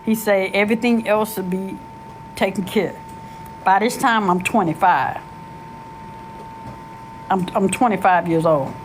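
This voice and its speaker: A middle-aged woman telling her life story in a casual, animated, slangy way, often searching for words. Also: mid-range voice, measured pace, long pauses, slight background noise.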